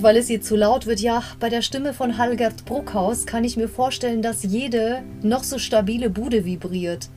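A young woman who hosts a podcast chattily retells and comments on an audio drama episode, wandering into side stories and correcting herself mid-story. Her voice is on the high side and a little mellow, with faint guitar music behind her.

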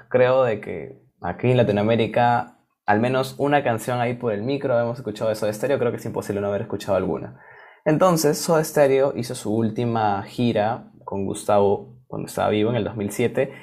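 A man's voice: medium pitch, a little fast, darkish tone. A man co-hosting a casual talk show, chatty and enthusiastic. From Peru. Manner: chatty, enthusiastic, with frequent fillers and restarts. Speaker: co-host.

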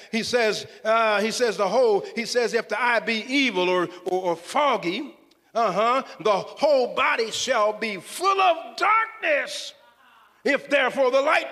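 A man's voice: very high-pitched, bright, forceful tone. A man preaching a sermon fervently, often calling out hallelujah and repeating his words. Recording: long hall reverb.

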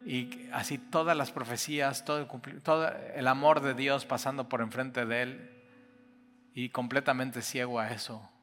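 A man preaching a sermon, impassioned and swinging from loud declarations to hushed, intimate passages. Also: mid-range voice, fairly even intonation, moderate pace. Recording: reverberant hall with soft guitar.

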